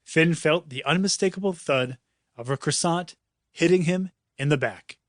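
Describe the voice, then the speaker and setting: An author reads his own children's audiobook, narrating the scripted story in a dramatic, playful way. He has a fairly high-pitched voice at normal speed, captured as a dry recording with clean studio sound.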